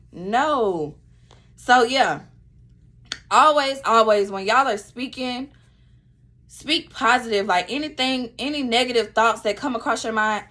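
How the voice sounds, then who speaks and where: A woman's voice: fairly high pitch, a bit bright. A woman speaking talks straight to the camera in a casual motivational vlog. She is blunt and profane, and she preaches her point again and again. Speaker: vlogger.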